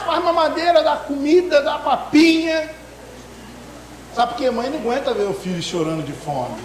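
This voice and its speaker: A man preaching a sermon in an emotive way, swinging between loud outbursts and hushed asides. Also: very high-pitched, echoey room, rough recording.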